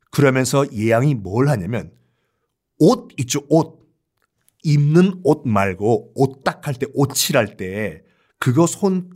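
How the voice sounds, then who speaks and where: A man telling a history story in a playful, animated way, with laughing asides. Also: mid-range voice, slightly rough. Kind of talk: lively storytelling lecture.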